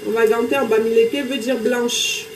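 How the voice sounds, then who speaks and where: A woman's voice: on the high side, fairly even intonation, normal speed, reverberant, slight background noise, poor audio. A woman from Cameroon with a Cameroonian French accent, chatting casually with viewers on a live stream while cooking in her kitchen, greeting people by name. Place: home kitchen.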